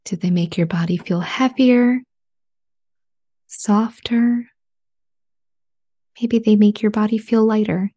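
A woman leading a guided relaxation in a soft, soothing spa whisper, hushed, breathy and gentle. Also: medium pitch, steady tone, slow, pauses often.

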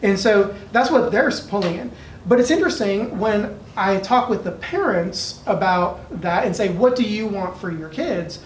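A man's voice: sits high, expressive, normal speed. American male moderator, earnest and thoughtful, off-mic in a reverberant room. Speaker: discussion moderator, educator. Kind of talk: thoughtful unscripted discussion. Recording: echoey room, distant mic, faint noise.

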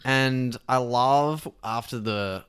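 Smooth, slow and fairly bright, this mid-range male voice belongs to a podcast co-host chatting casually about films. He laughs, curses, and acts out scenes with animation.

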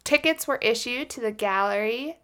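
A woman's voice: on the high side, moderate pace, pushed and bright. A woman co-hosting a casual true-crime podcast, rambling and joking and laughing often as she tells the case. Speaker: podcast co-host.

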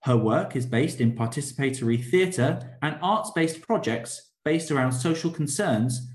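A man hosting an interview, reading a formal guest introduction and asking measured questions. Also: mid-range voice, lively intonation. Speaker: host. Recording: roomy echo.

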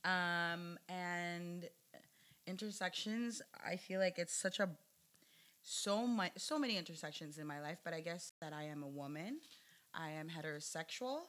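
A woman's voice: fairly low pitch, a little slow, fairly bright tone. A young adult woman from the Philippines, a podcast guest speaking thoughtfully and listing things. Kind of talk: casual interview conversation.

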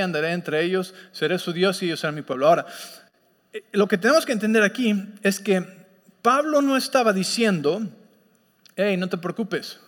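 A man's voice: high-pitched, fairly bright tone, big-room sound. A man preaching a sermon as pastor, teaching and often checking in with his listeners. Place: church sanctuary.

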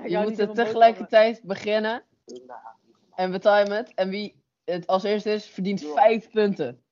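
A man hosting a casual game show among friends on a call, urging players on excitedly. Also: high voice, moderate pace, dull audio.

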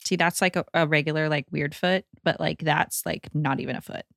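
A woman's voice: low voice, fairly even intonation, fairly quick, vocal fry, fairly bright tone, dry recording, studio quality. A woman bantering in a tabletop role-play game, rambling and filling her talk with "like". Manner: rambling, filler-heavy "like" talk. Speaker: tabletop player. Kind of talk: casual in-character banter.

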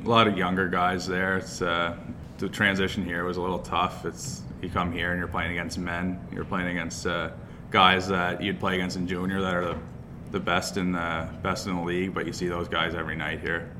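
A man's voice: sits low, flat delivery, a little fast, noisy background. A man, answering interview questions casually as a student athlete. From Cape Breton, Nova Scotia. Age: 20s. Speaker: interview guest, university hockey player.

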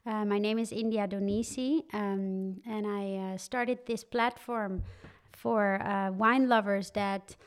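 Smooth-voiced young woman, animated and chatty. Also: medium pitch, slow. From Netherlands. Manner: animated, laughing, many fillers. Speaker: guest, wine content creator. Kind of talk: casual interview chat.

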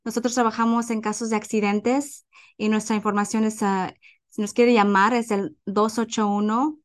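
Woman, radio co-host, slightly high voice, friendly. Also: level tone, moderate pace. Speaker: host's assistant, co-host. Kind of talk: radio talk show in Spanish.

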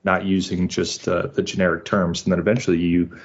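Deep-voiced father explaining step by step. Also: level tone, fairly quick, noisy background. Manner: methodical, lots of "uh" and "right?". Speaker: homeschooling father, interview guest. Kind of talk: explaining in an interview. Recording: muffled lo-fi audio.

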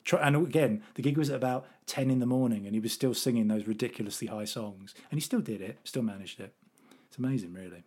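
A middle-aged man from England chats on a podcast with eager, rambling enthusiasm. He keeps restarting his sentences as the stories pour out, and his voice sits at an ordinary mid pitch. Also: fast, a little mellow, husky. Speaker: podcast co-host. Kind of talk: casual chat.

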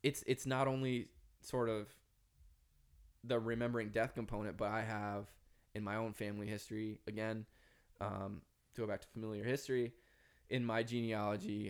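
A man's voice: lowish voice, level tone, moderate pace. A man with a Minnesota accent speaking earnestly and reflectively as an author guest in a podcast conversation. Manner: earnest, philosophical, emphatic.

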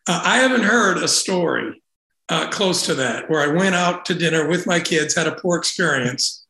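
Bright-voiced male podcast host, roomy sound. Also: fairly high pitch, expressive, moderate pace, gravelly. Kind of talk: podcast interview hosting. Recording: roomy echo.

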